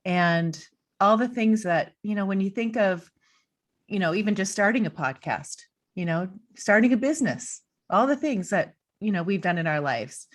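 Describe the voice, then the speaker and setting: A woman in her forties hosts a podcast over a video call from her living room, her medium-pitched voice animated and moderately paced. She gushes upbeat and leans on "you know" a lot, moving from a scripted promo into casual interview chat. Audio comes through a boom-arm studio mic and earbuds on the call.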